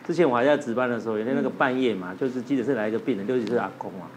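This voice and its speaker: Man, quick and expressive talk-show storyteller, music bed. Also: medium pitch, a little hiss or hum. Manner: acts out the voices of the patient and the nurse. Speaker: doctor guest. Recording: studio with music playing under it.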